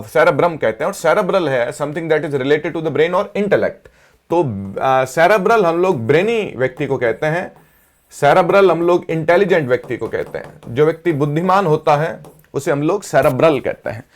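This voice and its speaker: His voice is on the high side as he teaches English vocabulary. Each word gets a Hindi explanation and a slowly read English definition, and he asks the class to repeat.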